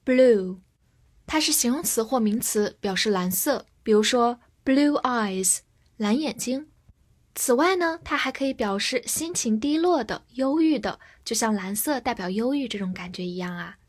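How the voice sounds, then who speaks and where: A woman teaching English vocabulary, explaining words and reading example sentences slowly for learners to repeat. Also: on the high side, expressive. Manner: slow, careful teacher's delivery with drawn-out example sentences. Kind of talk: vocabulary lesson.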